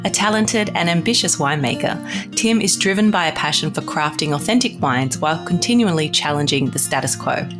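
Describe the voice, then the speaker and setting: A woman's voice: deep voice, expressive, brisk, music in the background. A woman with an Australian accent hosting a podcast interview, asking questions in a friendly, conversational way. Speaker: podcast host.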